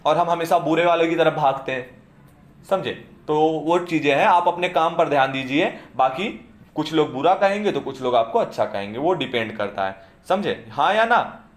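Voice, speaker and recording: A man teaching a class speaks expressively at normal speed, his voice on the high side and the room sounding roomy. He explains his material and keeps checking in with the students by asking "समझе?"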